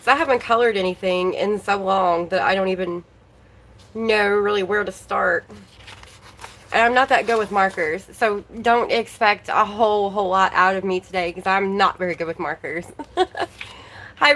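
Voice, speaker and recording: A woman's voice: mid-range voice, moderate pace, fairly bright tone, slight background noise, poor audio. A woman hosting a casual livestream, chatting and greeting viewers by name while her voice is slightly worn. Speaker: livestream host.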